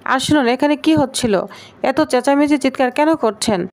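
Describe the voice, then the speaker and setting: A woman voicing a bossy, sharp-tongued young female executive who scolds and gives orders. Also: high voice, normal speed, lightly acted. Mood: commanding. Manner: scolding, commanding.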